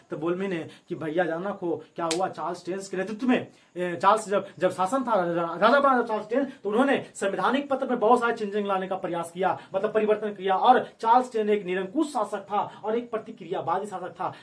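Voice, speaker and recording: A male history teacher, speaking to students in a classroom. His voice sits high for a man. He drills each point over and over with quick call-and-response questions. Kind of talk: classroom lecture.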